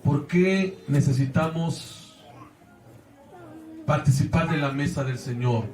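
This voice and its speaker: A pastor speaking with a Mexican Spanish accent earnestly preaches to his church, often calling the congregation brothers. The distant, echoey recording carries faint music behind his slow, slightly mellow voice, which is on the high side.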